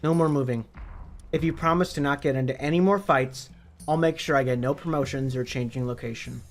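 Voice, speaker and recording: A hoarse man reading a story aloud and voicing a stern but loving middle-aged mother who scolds her son. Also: medium pitch, fairly quick, lightly acted. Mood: stern caring. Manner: scolding, protective. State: hoarse from illness.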